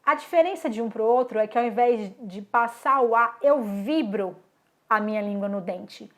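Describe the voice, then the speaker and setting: A woman with a Brazilian accent teaching English through song lyrics, reading out English lines slowly and demonstrating pronunciation. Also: a little high. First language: Portuguese. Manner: slow, deliberate explanations, sounds out English words and lyric lines.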